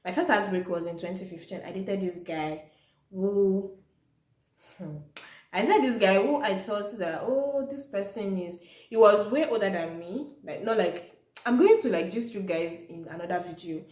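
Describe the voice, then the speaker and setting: A young Nigerian woman who speaks Yoruba natively tells stories to her viewers in a casual, chatty vlog. Her medium-pitched voice is lively, slightly mellow, and moderately paced, and the room sounds echoey.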